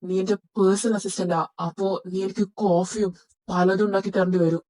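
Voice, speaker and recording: A woman's voice: medium pitch, fairly even intonation, brisk, warm tone, lightly acted, rough recording. A woman voicing a rude, short-tempered young male boss who scolds his assistant. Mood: domineering. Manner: scolding, domineering. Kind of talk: Malayalam fan audio drama.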